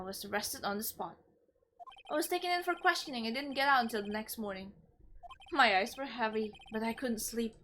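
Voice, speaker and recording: A woman streamer reading game text aloud in a measured, quiet narration. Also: fairly high pitch, a little hiss or hum.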